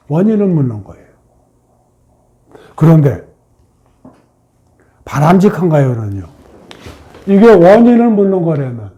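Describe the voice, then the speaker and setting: A man's voice: fairly high pitch, mellow, lo-fi sound. A man giving a meditation lecture, asking questions and answering them himself, sometimes dropping to a whisper. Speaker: meditation teacher.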